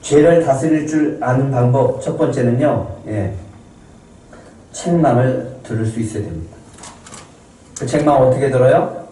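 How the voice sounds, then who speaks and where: A man's voice: mid-range voice, normal speed, pauses often, warm tone, recorded from a distance, a little hiss or hum. A man preaching a Sunday sermon as a pastor, asking the congregation questions and answering them himself. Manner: acts out quoted people in a raised voice. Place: church sanctuary. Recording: very echoey room, voice from off the mic.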